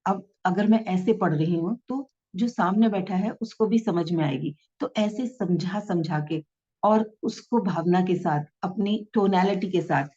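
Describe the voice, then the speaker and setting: A woman's voice: medium pitch, unhurried, dark tone. A woman teaching in a patient, instructive way, repeating her points and reading passages aloud with expression. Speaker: self-help teacher. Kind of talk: explanatory talk to camera. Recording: dull lo-fi sound.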